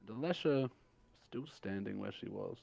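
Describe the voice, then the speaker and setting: Deep gravelly game master man. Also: expressive, moderate pace, darkish tone. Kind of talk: narrating a tabletop game.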